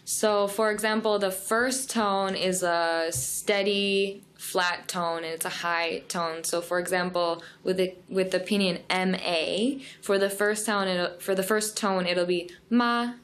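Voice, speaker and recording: A woman's voice: mid-range voice, fairly even intonation, a little slow, few pauses, a bit bright. A woman guest on a podcast, explaining things in a friendly, chatty way and laughing easily. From United States. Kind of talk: casual podcast interview.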